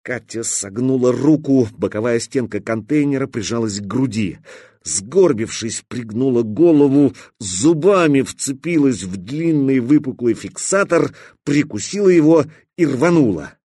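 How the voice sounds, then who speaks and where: A man narrates an audiobook in a husky, mid-pitched voice, measured and tense. The recording is close and dry, with no room sound. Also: animated, warm tone, no room sound. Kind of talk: scripted narration.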